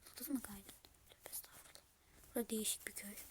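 A woman's voice: mid-range voice, steady tone, quick pace. A woman hosting a casual game role-play video, chatting in an exasperated way and often dropping to a whisper. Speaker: video host.

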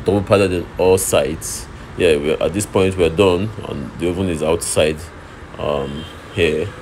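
Man, low voice, phone walkthrough of a workshop, explains things twice, noisy background. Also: unhurried. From Nigeria. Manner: explaining step by step, repeats himself. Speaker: oven fabricator showing his work. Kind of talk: walkthrough narration while filming. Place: workshop and outdoor street site. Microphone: phone held while filming. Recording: phone video with loud background noise.

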